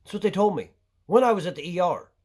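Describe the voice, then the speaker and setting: A man's voice: high-pitched, lively intonation, fast, a little mellow. A man venting his anger in a crude, heavily profane monologue to camera. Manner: angry, crude and swearing heavily. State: short of breath at times. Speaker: vlogger.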